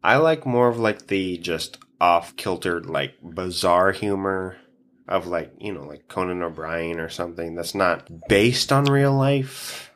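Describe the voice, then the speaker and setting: A man's voice: sits low, measured pace, a bit bright, slight background noise. A man hosting a podcast in casual chat, stuffy from allergies, who swears often and laughs a lot. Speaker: podcast host.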